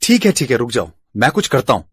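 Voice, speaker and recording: A woman voicing a careless, selfish teenage schoolboy in a cartoon, with a gruff, lowered voice. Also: big pitch swings, fast, no echo, heavily acted. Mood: cold.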